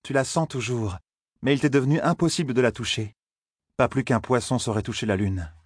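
A man's voice: mid-range voice, fairly quick, husky, dry recording, lightly acted. A powerful older sorceress ruler speaks with cool, mocking condescension, as a man voices her. The sound is close and dry, in the style of a dramatized audiobook. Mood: stern. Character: stern, powerful older woman leader of a sorcerous order.

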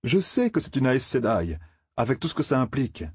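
Guy doing a jumpy sarcastic young village guy, higher than his husky reading voice. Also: big pitch swings, a little fast, darkish tone, no echo, clean studio sound. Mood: jittery. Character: nervous, mocking young village man.

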